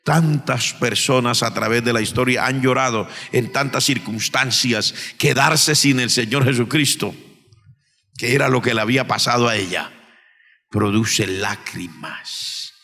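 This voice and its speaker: A Colombian man preaching as pastor of his church. He moves between hushed storytelling and shouted preaching. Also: mid-range voice, unhurried. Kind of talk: sermon. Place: church sanctuary. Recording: reverberant church hall.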